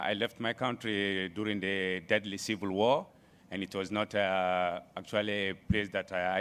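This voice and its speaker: A man's voice: sits low, a bit bright, clear, resonant tone. A man in his late thirties with a West African accent, giving a personal account as a panelist. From Ivory Coast. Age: late 30s. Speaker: student panelist.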